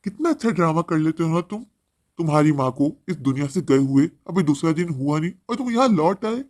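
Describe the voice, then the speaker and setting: A man's voice: fairly high pitch, lively intonation, brisk, darkish tone, lightly acted. A man voicing a bitter older village man who scolds with sarcasm. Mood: scornful.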